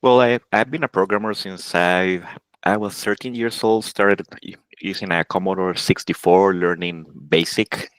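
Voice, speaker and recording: A man from Honduras in his forties, a game programmer answering interview questions in a casual, halting way with many restarts and self-corrections. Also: low voice, fairly bright tone, clear, resonant tone, dry recording, poor audio.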